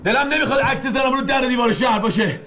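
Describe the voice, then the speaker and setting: An actor playing a jealous, possessive husband who argues in a heated, accusing way. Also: male voice, extremely high pitch, very noisy.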